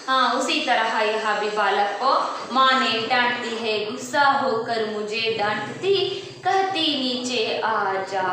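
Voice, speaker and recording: High, bright-voiced woman teaching in an echoey room. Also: distant mic. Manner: explains patiently, repeating words with English glosses. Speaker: primary school Hindi teacher. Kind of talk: online classroom lesson.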